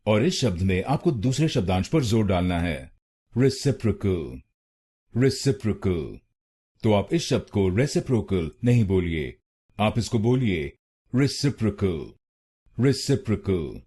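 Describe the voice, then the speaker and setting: Indian guy doing a slow pronunciation lesson, low-ish husky voice, repeats each syllable. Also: expressive, darkish tone. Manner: slow, syllable-by-syllable drilling with repetitions. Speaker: pronunciation teacher.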